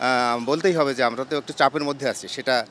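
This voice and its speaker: A man's voice: mid-range voice, fast talker, a bit bright, slight background noise. Thoughtful man in a street interview. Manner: thoughtful, with hesitations. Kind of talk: reflective vox pop opinion.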